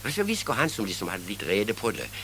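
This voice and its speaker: A man's voice: lowish voice, sing-song, fairly bright tone, a little hiss or hum. An older man with a Southern Norwegian accent telling humorous anecdotes, often chuckling at his own jokes and restarting his sentences. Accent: Southern Norwegian, Kristiansand area. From Southern Norway. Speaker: storyteller.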